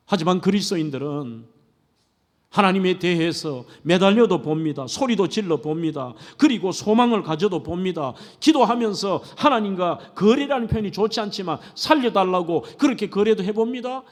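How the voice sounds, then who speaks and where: A middle-aged male pastor delivers a sermon in a high, animated voice that swings widely in pitch. He speaks earnestly and often turns to the congregation with rhetorical questions. His words ring out with a long reverb through a church sanctuary. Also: normal speed.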